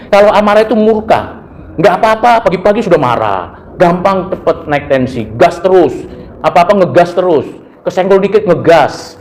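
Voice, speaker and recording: Lively preaching man in his fifties. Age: 50s. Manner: lively, colloquial preaching with sudden pitch jumps; slows and softens into closing prayer. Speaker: pastor. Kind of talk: sermon.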